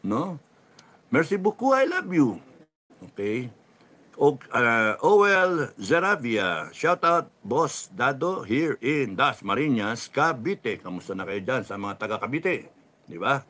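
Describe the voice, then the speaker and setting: Animated Filipino man with a lively, rising voice. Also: slow. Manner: animated, laughs often, drops to a low mutter after punchlines. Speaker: livestream host reading viewer comments. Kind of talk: casual livestream talk, mixing Tagalog and English.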